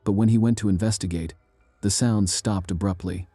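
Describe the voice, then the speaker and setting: A man giving a measured, ominous scripted narration of eerie true stories. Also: on the low side, fairly even intonation, warm tone, faint music behind.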